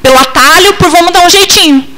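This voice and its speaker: A high-pitched woman preaches a heartfelt testimony from the pulpit. Her voice leaps up and drops low, loud one moment and hushed the next, as she acts out her own past replies. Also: fast, rough recording. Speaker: missionary preacher. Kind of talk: testimony sermon.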